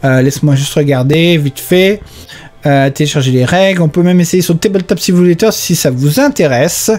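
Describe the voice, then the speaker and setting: A man's voice: a little high, normal speed, darkish tone. A young man with a Quebec French accent chatting casually about board game crowdfunding campaigns, mixing in English terms and self-mocking asides. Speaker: board game news host. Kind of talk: casual screen-share commentary.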